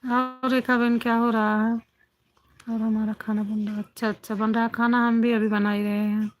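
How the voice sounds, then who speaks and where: A woman chats casually with viewers on a phone livestream, greeting each one by name. Her voice sits slightly high. She keeps the talk going with repeated little affirmations. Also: level tone, moderate pace. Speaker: livestream host. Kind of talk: casual chat with live viewers.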